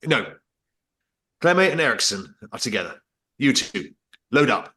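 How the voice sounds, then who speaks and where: A man's voice: mid-range voice, sing-song, measured pace, slightly rough, full character voice. A man playing a brusque commanding officer who barks clipped orders and sneers at Americans, reading over a video call. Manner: clipped, impatient orders with a sharp tongue. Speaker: table read actor. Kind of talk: script table read over video call.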